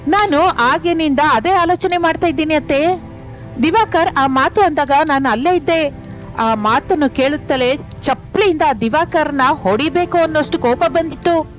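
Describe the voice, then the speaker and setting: A woman's voice: high voice, moderate pace, soft background music, close to an everyday voice. A woman voicing a loyal, determined young daughter-in-law who talks earnestly in a cartoon story. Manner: earnest, persuasive.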